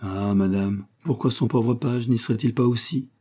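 A man's voice: mid-range voice, normal speed, dark tone, breathy edge, voice pushed up, natural voice. A man voicing a lovesick, ardent young royal page in an audiobook, with earnest, fervent courtly speech. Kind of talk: audiobook character voice.

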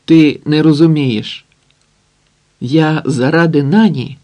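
A man doing a shrill jealous young nerd. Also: fairly even intonation, takes it slowly. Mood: desperate pleading. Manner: shrill falsetto shouting.

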